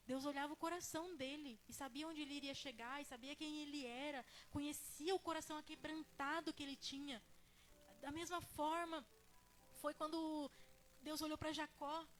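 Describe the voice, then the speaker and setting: A woman's voice: high-pitched, a bit bright. A young Brazilian woman preaching in an informal, earnest way, sharing her own story with frequent fillers and restarts. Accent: Brazilian Portuguese. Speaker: preacher at a church ministry. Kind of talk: conversational sermon with personal testimony.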